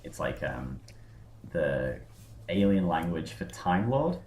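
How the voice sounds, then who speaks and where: A man's voice: low-pitched, very animated, slow pace, noisy background. A man hosting a podcast, rambling through a casual chat with lots of fillers and tangents. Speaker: podcast host. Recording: roomy echo.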